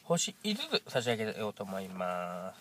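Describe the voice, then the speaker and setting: A man in his thirties with a nasal, stuffy-nosed voice from a cold, giving a casual, halting food review to camera. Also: fairly low pitch, wildly swooping pitch, fairly bright tone, slight background noise. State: congested with a cold. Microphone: camera at arm's length.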